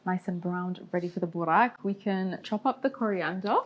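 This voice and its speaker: A woman's voice: fairly low pitch, normal speed, muffled recording. A young woman who grew up between Saudi Arabia and London, chatting casually and laughing at herself while she explains each cooking step. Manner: giggly, self-deprecating, explains steps as she cooks. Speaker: guest cook.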